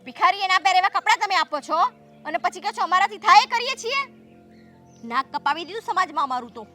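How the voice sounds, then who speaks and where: An actress playing a domineering sister-in-law who scolds and argues sharply in a family drama. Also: female voice, very high voice, lively intonation, quick pace, sharp tone, soft background music, heavily acted. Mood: scolding. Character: domineering, haughty sister-in-law of adult age. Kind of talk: scripted family drama dialogue.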